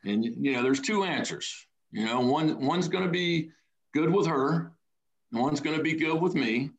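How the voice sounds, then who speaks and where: A man, a high school baseball coach telling stories in a casual podcast chat. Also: moderate pace, creaky, poor audio. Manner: storytelling, animated when quoting kids.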